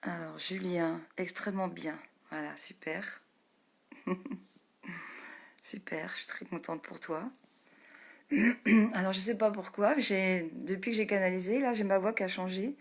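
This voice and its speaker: Speaking with fairly even intonation and a touch of vocal fry, a woman who works as an energy healer and meditation host welcomes viewers by name on her live stream. She moves at a slow, gentle pace, laughs frequently, drops into quiet whispers, and remarks that her voice is low.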